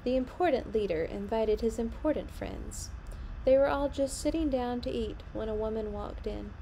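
Very animated, her fairly high voice both gravelly and mellow, a young adult woman reads picture books to children at a moderate pace, tossing in small asides on the story. The home recording from a small indoor room has noticeable background noise.

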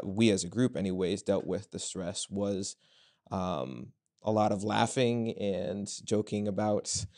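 A young man in his twenties from Virginia, a student guest answering interview questions thoughtfully, with pauses and fillers. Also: fairly low pitch, darkish tone. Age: 20s. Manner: measured, with frequent pauses and fillers. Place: bright office room with large windows.

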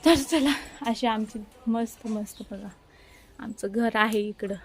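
A woman's voice: fairly high pitch, slow, a little hiss or hum. A woman vlogging casually on a phone outdoors at a village home, chatty and constantly pointing things out to her viewers. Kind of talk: casual vlog narration. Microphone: phone camera.

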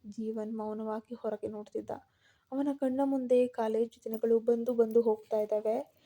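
A woman storyteller reading a scripted story in a steady, measured way. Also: a little high.

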